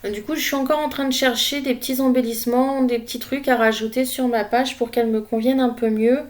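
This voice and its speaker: Woman, craft vlogger, casual unhurried voice-over, hesitant and relaxed. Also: on the high side. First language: French. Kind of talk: casual voice-over narrating a scrapbooking session.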